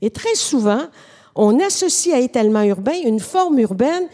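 A middle-aged woman with a Québécois French accent, explaining urban planning in a measured, professorial way as a podcast guest. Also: a little high, very animated, mellow, long reverb tail. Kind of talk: podcast conversation.

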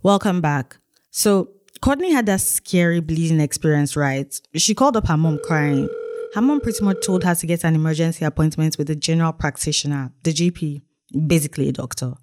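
A woman's voice: sits low, lively intonation, brisk, darkish tone. A woman hosting a podcast, reading conversational narration between interview clips. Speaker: podcast host. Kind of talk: scripted narration.

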